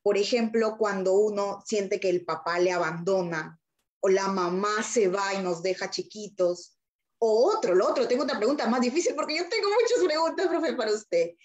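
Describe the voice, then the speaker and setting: A woman interviewer in casual conversation, animated as she tells stories and often laughing. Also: medium pitch, normal speed.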